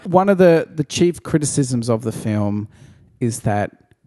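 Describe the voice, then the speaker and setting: Joking man, lively voice. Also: medium pitch, a little slow, no room sound, studio quality. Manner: joking, swears freely. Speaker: podcast co-host. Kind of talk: casual chat.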